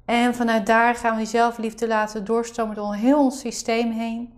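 A woman's voice: on the high side, flat delivery, moderate pace. A woman explaining a meditation exercise as the leader of the session.

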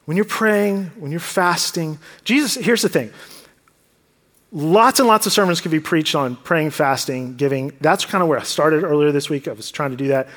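A man's voice: on the high side, normal speed, fairly bright tone. A man preaching a sermon as pastor, earnest and conversational, asking the congregation rhetorical questions. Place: church sanctuary. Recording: long church hall reverb.

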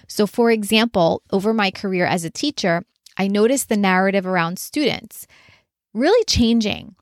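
A woman speaks as a business coach in an earnest, conversational solo monologue, often reaching for filler words as she talks. Her voice sits in an ordinary middle pitch. The recording is dry and close, with no room sound around her. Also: normal speed, dry recording.

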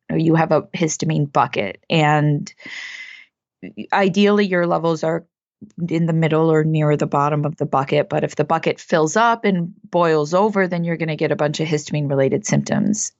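A woman with a gravelly, scratchy whiskey voice explains things casually and haltingly as a podcast co-host. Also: low voice, dry recording, muffled recording. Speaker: podcast co-host answering listener questions.

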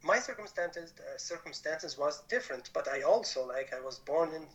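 Syrian-born guy on a podcast, earnest, keeps rephrasing, bright kinda higher voice. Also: animated, normal speed, low-quality recording. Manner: earnest, rephrases often in non-native English. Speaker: podcast guest. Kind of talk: conversational interview.

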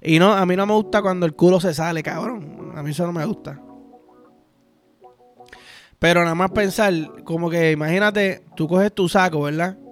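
A man's voice: high-pitched, normal speed, soft background music. A man with a Puerto Rican accent, hosting a podcast in a crude, rambling, profane comic monologue. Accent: Puerto Rican Spanish. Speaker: podcast host. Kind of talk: casual comedic podcast monologue.

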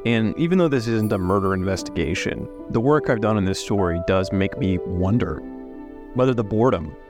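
A man from Alabama narrating a true-crime story in a measured, reflective way. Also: lowish voice, expressive, over music. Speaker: podcast narrator.

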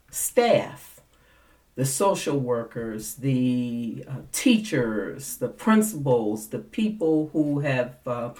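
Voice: mid-range voice, a little mellow. Distant-sounding interview host, rambling questions. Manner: rambling questions with many fillers and restarts. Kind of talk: casual interview talk. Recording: voice distant from the mic.

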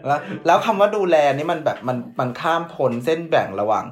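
A man taking part in a casual academic podcast discussion, animated and chatty, slipping in English terms. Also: fairly high pitch, fast, a crowd in the background.

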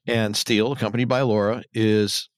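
A man's voice: fairly low pitch, little pitch movement, normal speed, no echo. A man co-hosting a podcast, recapping a TV episode scene by scene in a casual chat. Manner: retells scenes, acting out quotes. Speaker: podcast co-host.

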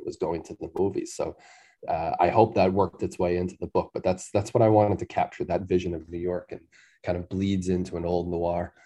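Low, mellow-voiced man, thoughtful guest. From Massachusetts, USA. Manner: thoughtful, reflective, laughs easily. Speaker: author guest. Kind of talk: phone interview. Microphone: phone line.

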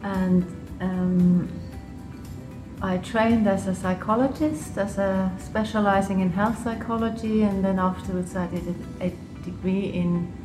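A woman from Switzerland and Liechtenstein with an English accent speaks in a steady, mid-range voice at a measured pace. A public health official, she gives unscripted, thoughtful and hesitant answers as an interview guest, recorded with a roomy echo and music behind.

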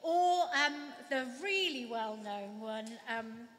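A Welsh woman pastor giving a gentle, reflective sermon at a candlelit carol service. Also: fairly high pitch, expressive. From Wales. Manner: gentle, reflective, slow with pauses. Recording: long church reverb, faint ambience.

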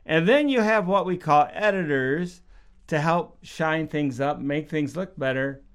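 Clear-voiced man telling faith stories. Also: on the high side, measured pace. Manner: storytelling, acts out quotes in raised voice. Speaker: preacher and podcast guest. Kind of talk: casual faith talk.

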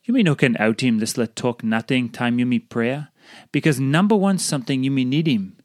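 A man's voice: mid-range voice, fairly quick, no echo. Png guy reading a devotional, papua new guinean accent, close dry sound. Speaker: devotional reader. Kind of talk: scripted devotional reading in Tok Pisin.

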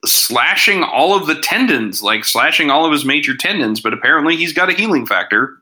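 A man's voice: a little high, lively intonation, a little fast, bright, forceful tone, poor audio. A man hosting a casual podcast reviewing TV episodes, chatty and sarcastic, with lots of asides. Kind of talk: casual chat.

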